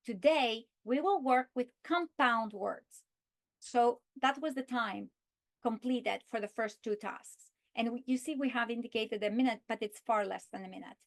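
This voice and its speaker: Woman walking teachers through a lesson plan. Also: fairly high pitch. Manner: slow, deliberate delivery, stretching key words when modeling. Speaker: teacher trainer. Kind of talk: instructional walkthrough with modeled lesson script.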